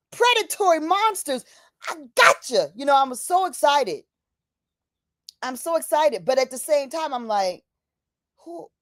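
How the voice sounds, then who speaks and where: Slow, fervent woman livestreaming. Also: high-pitched, no room sound, studio quality. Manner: fervent, repeats phrases for emphasis; casual, many fillers, says "y'all". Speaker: livestream host. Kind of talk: impassioned livestream talk.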